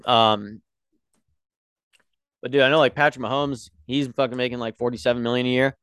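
A young man co-hosting a casual podcast chat, telling animated stories and swearing freely. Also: medium pitch, a little fast, smooth, no room sound. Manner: animated storyteller, swears freely, acts out quotes. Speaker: podcast co-host.

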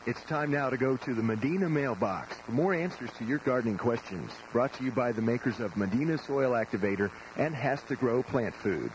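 A man's voice: medium pitch, expressive, a little fast, hardly any pauses. American radio ad man, noisy recording. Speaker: radio advertisement announcer. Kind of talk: scripted gardening advice advertisement.

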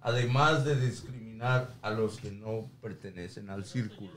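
A man's voice: lowish voice, normal speed, a bit bright. A man, steering a casual podcast chat and reading a definition aloud. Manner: reads out definitions, steers the topic. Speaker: podcast co-host.

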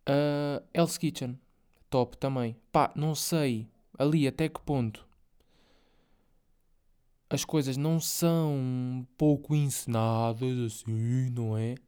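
A man's voice: medium pitch, steady tone, slow pace, a little mellow, clear, resonant tone. A young man with a European Portuguese accent hosting a casual solo podcast, rambling in slangy, filler-heavy speech with swearing. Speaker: podcast host.

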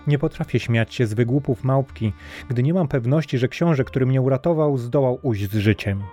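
A man's voice: medium pitch, moderate pace, mellow, soft background music, lightly acted. A man reading a storybook, voicing a clever, earnest young princess in a raised, lighter voice.

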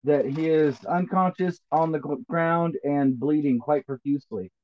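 A man running a tabletop role-playing game as game master, calling rolls in a relaxed, matter-of-fact way. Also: on the high side, normal speed, dull audio.

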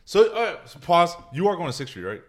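A man's voice: fairly high pitch, very animated, quick pace. A young man bantering casually with friends like a frat bro, often repeating his words. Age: young adult. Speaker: podcast co-host. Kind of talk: casual chat among friends.

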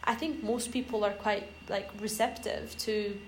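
A woman's voice: mid-range voice, steady tone, unhurried. A young woman from Iran chatting casually on a podcast, rambling and hesitant with lots of fillers. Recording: roomy echo, faint noise.

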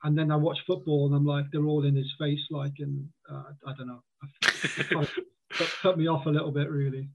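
Speaking fairly quickly in a slightly high, gravelly voice with flat delivery, a podcast guest from Wales chats casually in a mixed Welsh and southern English accent. He restarts sentences often and acts out quotes, and the line sounds tinny, like a phone.

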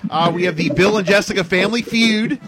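A man's voice: high voice, brisk. A man hosting a live phone-in contest on the radio, repeating answers like a game show announcer. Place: radio studio. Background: music playing.

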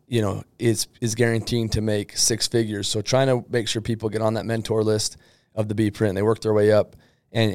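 A man's voice: medium pitch, clear, resonant tone, dry recording. A man hosting a casual interview, upbeat and effusive, rambling a little as he introduces his guest. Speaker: podcast host interviewing an employee.

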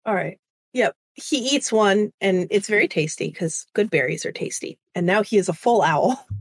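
A woman narrating as game master of a tabletop game, chatty and relaxed, with frequent fillers. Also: medium pitch, normal speed, breathy edge, no echo, studio quality.

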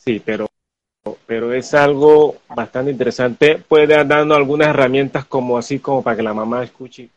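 A man hosting an interview chat, speaking haltingly with frequent restarts. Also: mid-range voice, no room sound, lo-fi sound. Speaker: host.

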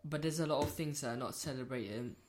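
Candid, animated young woman. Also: a bass voice, brisk, a little hiss or hum. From born in Rwanda, raised in South London. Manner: candid and animated, swears freely, repeats phrases for emphasis. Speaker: podcast guest, host's friend. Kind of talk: casual podcast chat.

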